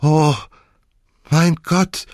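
A man's voice: mid-range voice, slow pace, fairly bright tone, no echo, clean studio sound, pitched above the performer's own voice. A man voicing a scheming older woman in a wheelchair who gasps and pleads in a flustered way, in an audiobook. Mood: flustered pleading.

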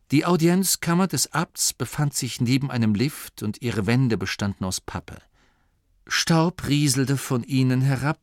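A man reading a storybook aloud as narrator, in an expressive, measured way. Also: medium pitch, no room sound. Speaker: audiobook narrator.

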